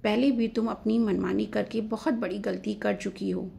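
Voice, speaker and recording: A woman's voice: medium pitch, steady tone, normal speed, creaky, warm tone, a little hiss or hum. A woman voicing a young husband who is hurt and irritated, pleading and curt by turns. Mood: earnest.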